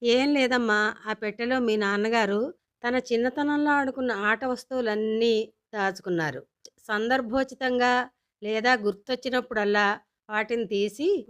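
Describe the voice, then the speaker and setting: A woman's voice: on the high side, fairly bright tone, clear, resonant tone, lightly acted. A woman doing a wry, practical storybook mother. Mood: explaining. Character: wry middle-aged mother, scolding and practical.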